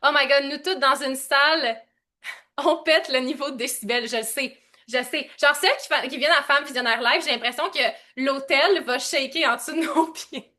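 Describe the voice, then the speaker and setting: A young woman with a Québécois French accent coaching a live online session, loud and excitable, laughing often and dropping English slang. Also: sits high, normal speed. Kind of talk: energetic live-stream coaching.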